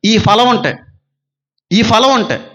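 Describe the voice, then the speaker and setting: High-voiced male pastor preaching. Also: slow pace, bright, forceful tone. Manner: preaching with repeated rhetorical questions. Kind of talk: sermon.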